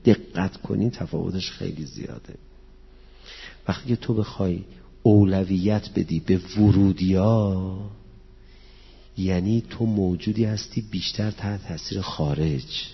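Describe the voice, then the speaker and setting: Man preaching to a crowd, gravelly and kinda low, quotes scripture n verse, long echo, muffled old recording. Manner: quotes Arabic scripture and Persian verse, explains it plainly; leads the audience in prayer. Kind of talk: religious lecture. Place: hall with an audience. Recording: dull, echoey hall recording.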